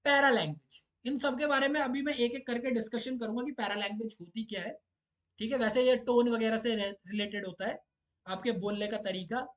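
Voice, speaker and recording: A man's voice: very high-pitched, fairly even intonation, fairly quick, fairly bright tone. A young man teaching an exam-prep lesson, explaining step by step and often checking that listeners follow. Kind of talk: lecture mixing Hindi and English.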